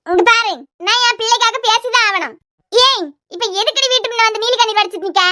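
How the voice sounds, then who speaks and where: A woman voicing a spiteful older mother-in-law in a cartoon, shouting and scolding. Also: extremely high pitch, quick pace, dry recording, clean studio sound.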